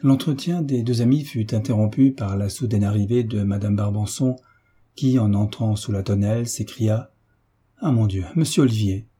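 A man reading a classic novel aloud in a measured, literary style. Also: fairly low pitch, warm tone, slightly rough. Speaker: audiobook reader. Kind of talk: novel narration.

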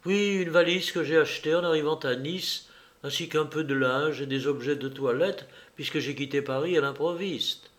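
A man's voice: on the high side, normal speed, a bit bright, natural voice. A man doing a fretful woman on the run. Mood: worried. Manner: worried, fretful. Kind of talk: audiobook character voice.

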